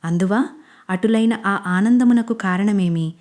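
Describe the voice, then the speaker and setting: A woman voicing a playful young man who recites grand, theatrical mock-royal lines in a slow, drawn-out way. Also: medium pitch, a little mellow, natural voice.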